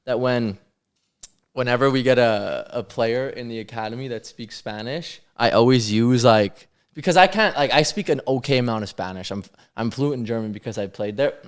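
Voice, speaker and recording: A man's voice: mid-range voice, moderate pace, clear, resonant tone. Joking, teasing man from Canada. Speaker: podcast host and youth soccer coach. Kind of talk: casual podcast chat.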